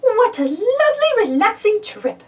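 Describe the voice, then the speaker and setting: A woman's voice: very high-pitched, very animated, a little slow, recorded from a distance, voice pushed up, heavily acted. A woman voicing a kindly, reassuring mother pig in a children's storybook. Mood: contented.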